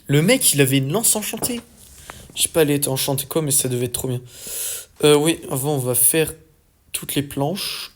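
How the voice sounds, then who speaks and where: Excitable young man narrating his gameplay. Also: on the high side, moderate pace. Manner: excitable, swears often, talks to viewers as "the guys". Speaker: gaming YouTuber. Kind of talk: casual let's-play commentary.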